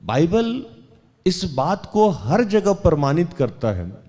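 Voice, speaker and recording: Man, preacher, sermon, slow deliberate delivery, dark voice, reverberant room. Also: on the high side, very animated. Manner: slow deliberate reading, then rising emphatic preaching. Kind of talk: Hindi sermon with Bible reading.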